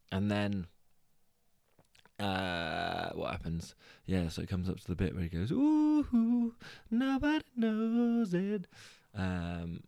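A British man with a very low, gravelly voice retells a story for his podcast at an unhurried pace. He rambles and hesitates, with frequent fillers and restarts. The sound is dry and close. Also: a little mellow, no echo. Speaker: podcast host.

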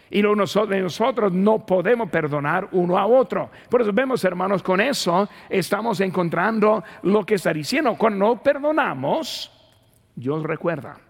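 A man preaching a sermon, his fairly high voice ringing out with a long, echoing reverb in a church hall. He lurches between fast, emphatic outbursts and slow, careful Bible reading. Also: vocal fry. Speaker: pastor.

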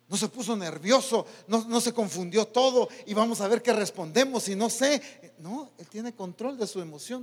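A man preaching a sermon, swinging from loud, rising peaks to quiet, low drops and talking to his own soul in asides. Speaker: pastor. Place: church hall. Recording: long church reverb.

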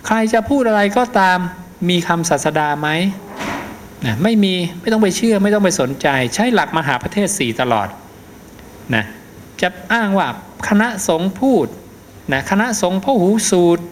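A man's voice: high voice, sing-song, normal speed, a little hiss or hum. A middle-aged man, a Buddhist monk, answers a question in an emphatic dharma talk and keeps tagging his points with a short particle. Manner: emphatic, repeats "นะ" as a tag.

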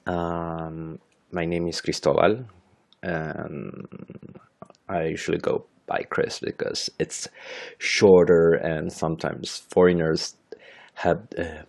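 A Chilean man in his thirties, a native Spanish speaker with a Chilean Spanish accent, hosts an unscripted solo podcast in English. His voice is low, slow, and darkish with vocal fry, and he sounds hesitant, filling his speech with fillers and self-corrections.

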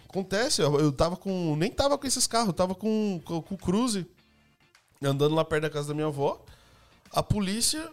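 A young man telling personal stories in a casual podcast chat, lively, laughing, and acting out the people he quotes. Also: sits high. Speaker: youtuber and podcast guest.

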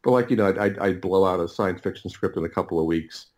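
This podcast guest, a middle-aged writer and audio producer, has a low-pitched, slightly mellow voice. His casual storytelling is halting and repetitive, full of self-interrupted phrases and doubling back.

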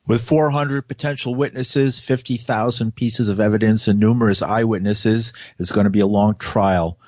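A man reading a scripted news report in a measured, even way. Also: fairly low pitch, no echo, highs cut off. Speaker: news narrator.

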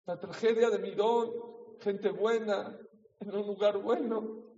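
A man giving an emotional sermon as a rabbi, swinging from soft to loud. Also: high-pitched, steady tone, takes it slowly. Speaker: rabbi teaching a Torah class. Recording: echoey hall, dull lo-fi sound.

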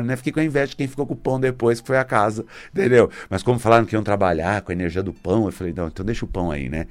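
Animated man with lively pitch. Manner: animated, acts out little scenes with put-on voices. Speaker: spiritual talk presenter. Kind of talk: casual spiritual talk to viewers.

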